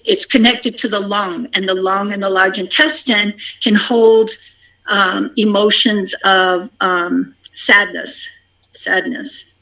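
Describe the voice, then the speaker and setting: A community member in a spiritual group discussion, sharing a practice in a halting, unhurried way with many ums and repeated phrases. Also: medium pitch, fairly even intonation, gravelly, pushed and bright, low-quality recording.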